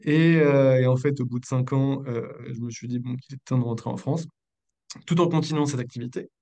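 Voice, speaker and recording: Speaking briskly in a dark, steady, medium-pitched voice, a thirty-something entrepreneur recounts his story as a podcast guest. His manner is informal and slightly hesitant, like a casual spoken account in an interview.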